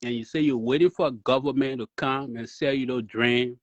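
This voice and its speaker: A man's voice: medium pitch, fairly even intonation, brisk, dry recording. A man, chatting casually and giving emphatic opinions as a call-in guest. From Liberia. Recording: dull lo-fi call audio.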